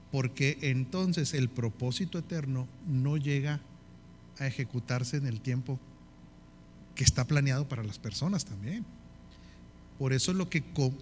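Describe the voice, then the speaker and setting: A man with a northern Mexican Spanish accent gives a leadership course that sounds like a sermon, often checking with listeners and listing in repeated phrases. His mid-range voice carries a little hiss or hum.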